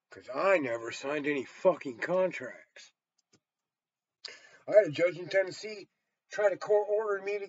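An American man in his sixties, a storyteller and vlogger, rambles bluntly and emphatically to a camera in a small room, swearing heavily. His voice is on the high side. The audio has no room sound but is dull, lo-fi webcam quality.

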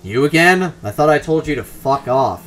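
Man doing a gruff intercom gatekeeper, curt, hostile, clipped. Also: fairly high pitch, lively intonation, moderate pace, a bit bright. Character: brusque male gatekeeper on an intercom.

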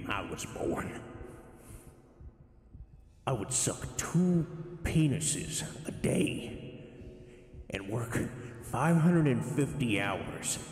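A man's voice: on the low side, a little mellow. A man voicing a boastful, indignant older blue-collar worker through a heavy canyon-like echo voice mod, in joking voice-chat banter. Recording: echoey voice-mod reverb, faint background noise.

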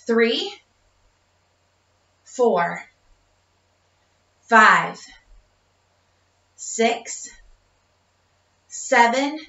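Fitness vlogger, woman. Slow, bright counting of reps, a little winded, recorded on a far camera in a roomy home with dull audio. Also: on the high side. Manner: counts reps aloud, encouraging, laughs between cues. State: short of breath. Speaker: fitness instructor. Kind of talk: home workout instruction.

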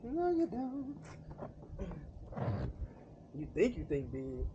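High-voiced man lecturing outdoors. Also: drawn-out words. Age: middle-aged. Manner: preachy, teasing fatherly talk in casual slang. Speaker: vlogger and father. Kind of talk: casual chat while washing a motorcycle. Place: outdoor driveway beside a house. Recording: dull outdoor sound with steady background noise.

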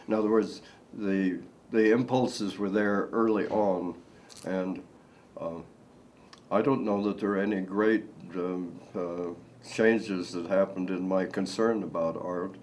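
An older man from Nebraska, an artist talking slowly and haltingly with many fillers in a seated indoor interview. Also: lowish voice, a little mellow, slight background noise, poor audio. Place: indoor room.

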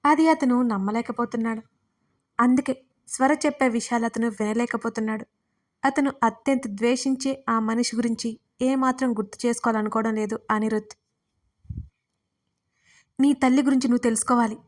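A woman narrating a romantic audio story in an expressive, emotional way. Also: fairly high pitch, normal speed.

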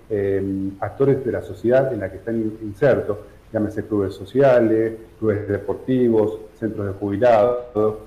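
Hombre argentino de mediana edad, voz grave, entrevista por videollamada, sala con eco. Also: male voice, on the low side. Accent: Argentine, San Juan. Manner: measured, explanatory, frequent fillers. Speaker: charity director guest. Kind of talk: remote news interview. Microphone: video call. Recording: echoey room, dull video-call audio.

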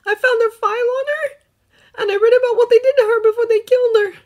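A woman voicing an earnest teenage boy who sees ghosts, speaking softly and haltingly in a fan fiction audiobook reading. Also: very high voice, pitched above the performer's own voice. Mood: grieving. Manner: soft, halting, emotional.

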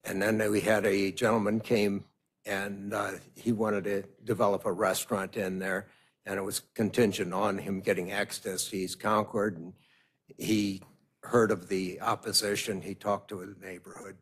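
An older man giving a measured public comment at a hearing on a webcam from a home office, hesitating often. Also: lowish voice, little pitch movement, husky. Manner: measured, hesitant with many fillers. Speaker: resident speaking at public hearing. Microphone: video call webcam.

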